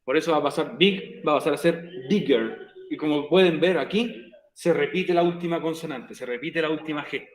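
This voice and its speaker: A male teacher with a slightly high voice walks students through a grammar rule, patiently repeating each step. The recording carries the echo of a bare room. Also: moderate pace, slight background noise. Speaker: English teacher. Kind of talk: virtual class explanation in Spanish. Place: room, recorded for an online class.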